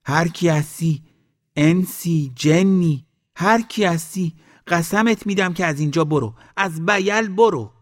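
A man voicing an old village woman who shouts high, drawn-out calls to unseen spirits. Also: close to an everyday voice. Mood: chanting.

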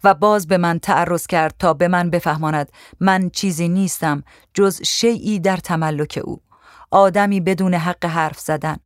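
Brief: first-person memoir narrator, somber and steady, dry close recording. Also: medium pitch, dry recording. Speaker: audiobook narrator.

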